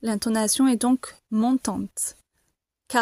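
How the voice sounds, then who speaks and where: A woman teaching the alphabet to beginners, saying each letter slowly and clearly, repeating it and reassuring learners. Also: on the high side, darkish tone, dry recording, clean studio sound. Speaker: French teacher. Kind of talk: slow, careful pronunciation lesson.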